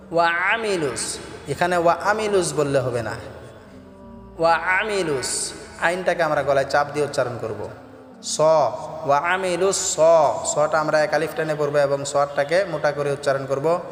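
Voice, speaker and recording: A man teaching recitation, alternating slow melodic chanting with quick spoken explanations of pronunciation. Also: a little high. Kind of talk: Quran recitation lesson with chanted verses. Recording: echoey reverberant room with soft music.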